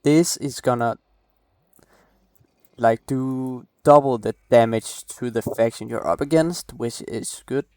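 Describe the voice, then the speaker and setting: This gameplay guide creator takes it slowly, his darkish mid-range voice recorded dry and close on a desk microphone. Casual and late-night, his build walkthrough is full of rambling apologies, frequent restarts, and a cough.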